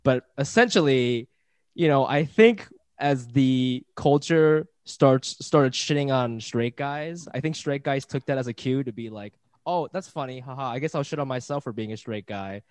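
A man's voice: mid-range voice, normal speed, dry recording. Rambling man in his thirties. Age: 30s. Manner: rambling, self-interrupting, excitable. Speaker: podcast co-host guest. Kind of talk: casual podcast chat.

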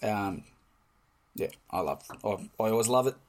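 A middle-aged man with a Western Sydney Australian accent and a husky voice, bantering casually as a podcast co-host with plenty of swearing. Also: lowish voice, lively intonation, unhurried.

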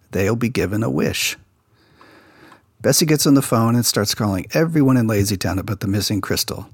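This podcast host has a lowish voice with a breathy edge, captured as dry, clean studio sound. He relaxes into insider storytelling, recapping a children's TV episode and recounting details of its production.

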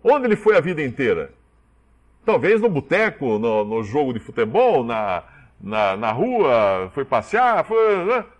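A man's voice: mid-range voice, measured pace, lo-fi sound. A man preaching a sermon, acting out the dialogue he quotes. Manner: animated, acts out quoted dialogue.

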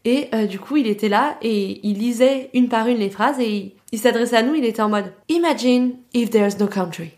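A young Frenchwoman hosts a casual solo podcast, talking in a chatty, slangy way full of filler words. Her voice is a little high with a darkish tone, brisk and with few pauses.

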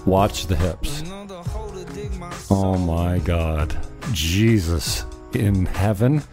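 Male host, deep and unhurried. Natural unscripted rambling with swearing, over prominent music. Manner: rambling, profane. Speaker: online show host. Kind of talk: natural unscripted talk, casual rambling to viewers. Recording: music playing behind the voice.

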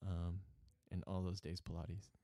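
A man's voice: deep voice, level tone, measured pace, warm tone, no echo. A young man co-hosting a podcast in casual chat, playful and laughing often. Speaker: podcast co-host.

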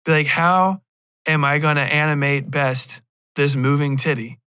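This podcast host has a clear, resonant voice on the high side and a measured pace. His review talk is casual and rambling, full of blunt swearing and animated asides where he acts out imagined remarks. The recording is dry with clean studio sound.

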